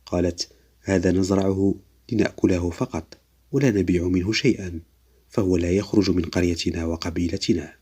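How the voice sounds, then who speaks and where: A man reading the lines of a gentle, innocent young female jinn in a spoken story, calm and matter-of-fact. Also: low voice, fairly quick, husky.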